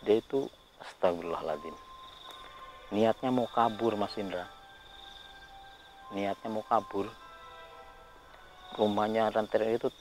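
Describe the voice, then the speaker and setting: A man hosting a ghost-hunting video, talking in a hushed voice outdoors at night, often murmuring prayers and speaking to his companion. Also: fairly low pitch. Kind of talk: hushed on-the-spot narration. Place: outdoors at night near a ravine.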